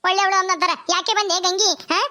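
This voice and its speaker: Woman voicing a high squeaky old granny, scolding and defiant, cartoon comedy. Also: level tone, fast talker, sharp tone, a little hiss or hum. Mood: bitter. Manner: scolding, defiant, ends lines with "haa?". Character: stubborn quarrelsome old grandmother in jail. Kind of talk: village cartoon comedy voice acting.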